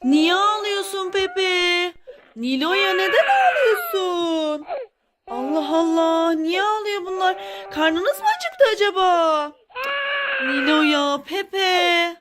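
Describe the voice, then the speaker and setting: A woman with a very high, piping voice plays with baby dolls and fusses over them in a motherly, sing-song way. She talks slowly and takes her time. Loud background noise runs under the whole recording. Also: very animated. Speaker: toy play video host. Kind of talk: toy play narration, talking to baby dolls.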